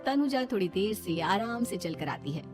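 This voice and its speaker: A moral story, scripted and told as a cartoon, is read by a woman with a mid-pitched voice while music plays underneath. Her intonation is lively and her pace normal.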